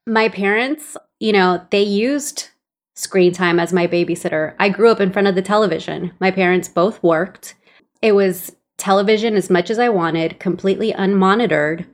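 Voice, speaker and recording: A woman's voice: mid-range voice, normal speed. Chatty woman podcast co-host from El Salvador. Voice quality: chatty, explanatory, laughs easily. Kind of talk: casual chat.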